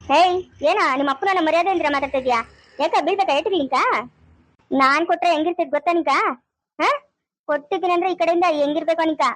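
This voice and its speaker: A woman in an amateur village family drama, scolding and quarrelling loudly and fast. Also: very high voice, no room sound. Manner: shouting, scolding, rapid quarrelling.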